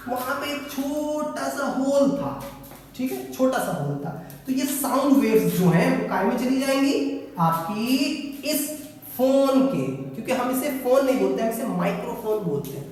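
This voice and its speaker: A man teaching a physics lesson, playful, asking questions and answering them himself in a student's voice. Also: very high voice. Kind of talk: classroom lesson with student-style replies. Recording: echoey room, voice from far off.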